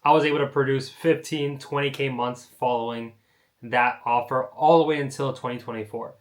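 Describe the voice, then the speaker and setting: A young American man talks through his own journey in a loose, conversational way. His sentences start over often and he leans on "like" as a filler. His voice sits at an ordinary middle pitch. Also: fairly even intonation, normal speed. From United States. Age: young adult. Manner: rambling, many "like" fillers and restarts. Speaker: online entrepreneur. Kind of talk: casual personal storytelling to camera.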